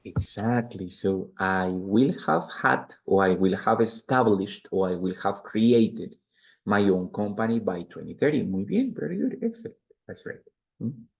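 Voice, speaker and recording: Gravelly Spanish-accented male English teacher. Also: fairly low pitch, lively intonation, unhurried. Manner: patient, explains step by step, repeats examples. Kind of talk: bilingual grammar lecture.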